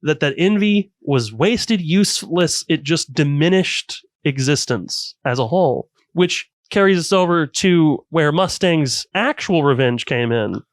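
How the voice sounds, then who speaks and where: A man co-hosting a casual anime podcast, retelling scenes with animated enthusiasm. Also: fairly high pitch, unhurried, few pauses, no room sound. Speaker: podcast co-host.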